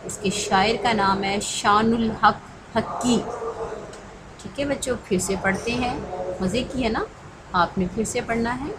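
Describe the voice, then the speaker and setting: Slow, patient woman teacher. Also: on the high side. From Pakistan. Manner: patient, repeats "ठीक है" to check in with the children. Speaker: school Urdu teacher. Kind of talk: classroom lesson explanation. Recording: recording with clear background noise.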